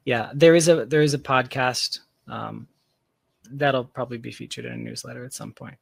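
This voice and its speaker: With a gravelly, mid-range voice, a steady tone and an ordinary pace, a tech founder gives a laid-back, reflective interview. He searches for how to put things as he goes, and there's no room sound in the recording.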